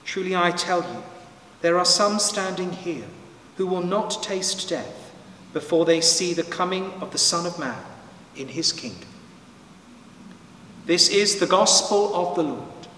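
A man, a priest, reading the gospel in a measured, solemn way, heard from a distance in a big church with a long cathedral echo. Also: high-pitched, lively intonation, bright, forceful tone. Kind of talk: liturgical scripture reading. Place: large church. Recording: long church reverb from far off, faint noise.

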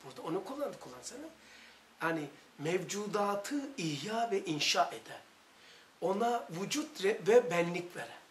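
A man's voice: high-pitched, sing-song, normal speed, a little hiss or hum. A man with a Turkish accent leading a religious study circle, talking with fervent, emphatic storytelling. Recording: echoey room recording.

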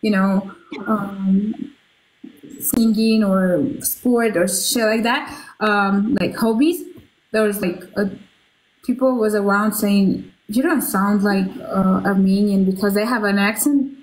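Speaking slowly in a mid-range, fairly level voice, a woman in her twenties who grew up in Russia runs a laid-back live chat from her cramped, colorfully lit bedroom. She talks into her phone's front camera, rambling along with lots of filler words and casual cursing, and the recording quality is low.

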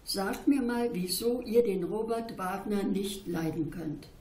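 A woman reading aloud and voicing a sly, kindly old woman who speaks slowly and thoughtfully. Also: mid-range voice, a little mellow, natural voice. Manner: slow, drawn-out, musing. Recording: roomy echo.

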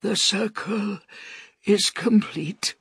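A frail old priest breathes out his last words in a thin, raised voice, as a male narrator puts him on. The sound is breathy and stretched out slowly, recorded dry and close. It suits a storybook reading. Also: fairly bright tone, dry recording, full character voice. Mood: faint, serene. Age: older. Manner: high, thin, faint and slow. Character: dying old bearded priest, frail and serene.

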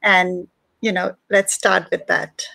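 A woman's voice: fairly low pitch, flat delivery, slow pace, vocal fry, pushed and bright, dry recording, low-quality recording. A middle-aged woman hosting an online interview show, speaking with a smile into a headset on a video call. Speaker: show host. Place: small room indoors.

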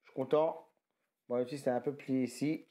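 A man's voice: medium pitch, fairly even intonation, fairly quick, mellow, a little hiss or hum. A tired man in casual talk, showing off his flea-market video game finds, rambling and often correcting himself with slang. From France. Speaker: retro game collector vlogger. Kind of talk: casual haul commentary.

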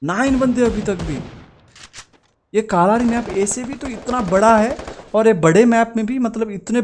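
A young man talks his viewers through live gameplay in a chatty, excitable voice that sits a little high. He keeps up a constant stream of joking commentary. A faint hiss of noise runs underneath. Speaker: gaming channel host.

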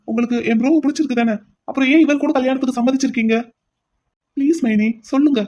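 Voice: medium pitch, darkish tone, lo-fi sound, natural voice. A voice actor playing an insistent, pleading young man in a cartoon. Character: brash young man pining for his brother's sweetheart.

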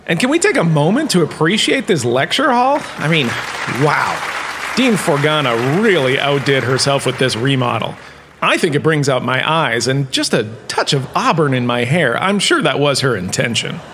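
Playing a university lecturer as host, a man gives a theatrical comedic lecture, self-satisfied and wry, with dramatic phrasing and chatty asides. His voice is a little high and sing-song at normal speed, recorded in an echoing hall with long reverb, a crowd and background noise behind him.

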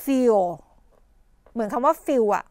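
High-pitched Thai woman tutoring, coughing. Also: brisk, darkish tone, no room sound, clean studio sound. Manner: explains idioms with many "นะคะ" fillers and rhetorical questions; coughs and clears her throat often. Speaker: English teacher. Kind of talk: televised tutoring lesson.

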